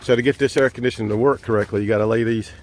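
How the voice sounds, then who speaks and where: A man races through a casual, folksy tour of his campsite and the interior of a large tent, filming himself on a handheld camera mic as he walks. His medium-pitched voice has fairly even intonation and a darkish tone, with slight background noise. He's easygoing but hesitant, using fillers.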